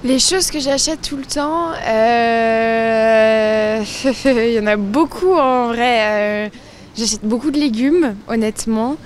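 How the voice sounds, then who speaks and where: A woman's voice: a little high, slow, slight background noise. A young woman answering a street interview in a hesitant, giggly way with fillers, recorded outdoors on a handheld mic. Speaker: passer-by interviewee.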